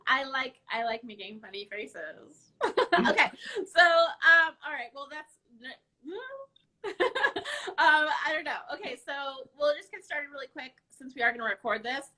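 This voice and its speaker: A woman with a fairly high and strikingly bright voice hosts a live stream. She talks casually and without a script, as a podcast host addressing followers informally. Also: normal speed.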